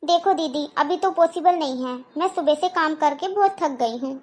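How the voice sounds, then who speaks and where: A woman's voice: high voice, normal speed, close to an everyday voice. A woman voicing a patient, hardworking young daughter-in-law in a cartoon, polite in manner. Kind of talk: cartoon voice acting.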